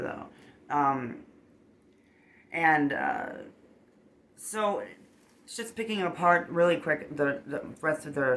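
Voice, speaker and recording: A tarot reader and astrologer giving a casual, animated reading that rambles and gets emotional, dropping "boom" and "okay?" along the way. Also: slight background noise.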